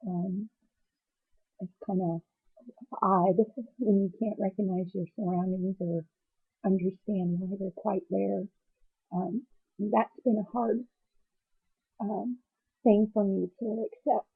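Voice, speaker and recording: Teary, halting woman, muffled recording. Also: mid-range voice, flat delivery, creaky, husky. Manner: teary, emotional, as after crying; halting, hesitant, searching for words. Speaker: patient vlogger. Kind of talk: personal video diary, confessional talk.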